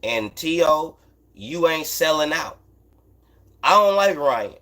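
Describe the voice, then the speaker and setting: Hosting a casual boxing talk livestream, an American man speaks slowly in a slightly high, bright, forceful voice with lively intonation. His unscripted commentary and replies to chat are blunt, profane and slangy, with phrases repeated for emphasis.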